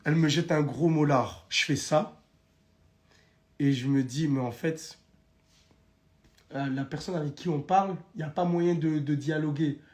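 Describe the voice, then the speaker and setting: High-voiced young man telling a story. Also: measured pace, long pauses. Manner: animated storytelling, addresses viewers directly. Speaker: guest telling his story. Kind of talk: casual live-stream chat.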